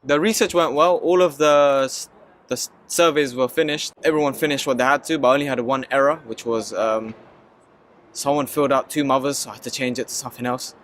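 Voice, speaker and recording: A man's voice: mid-range voice, fairly even intonation, a little fast, a bit bright, slight background noise. A young man answering interview questions casually, with some hesitations. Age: young adult.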